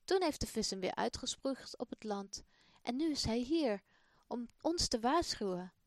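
A woman's voice: on the high side, lively intonation, normal speed, no room sound, clean studio sound, lightly acted. A woman voicing Malik, an eager young boy, in a children's Bible story.

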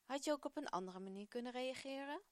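A woman reading the part of a kind, patient father, speaking gently and encouragingly. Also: sits high, animated, quick pace, no room sound. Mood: gentle. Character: kind patient father, middle-aged man.

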